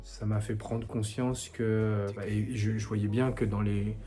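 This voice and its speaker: A man in his forties from France, a songwriter giving a recorded support message in a soft, hesitant way with many pauses. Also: fairly low pitch, level tone, faint music behind. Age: 40s. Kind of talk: recorded video testimony.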